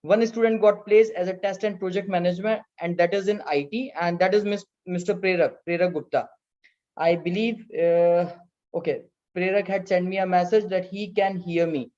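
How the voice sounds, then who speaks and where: A man with an Indian accent moderating an online presentation as host, in a halting way. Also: sits high, steady tone, a little mellow. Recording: dull, lo-fi video call audio.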